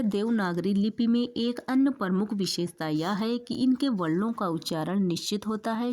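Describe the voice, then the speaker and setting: A woman's voice: medium pitch, mellow. A woman teacher explaining exam material in a lecture, repeating key points for her students and mixing words into her talk.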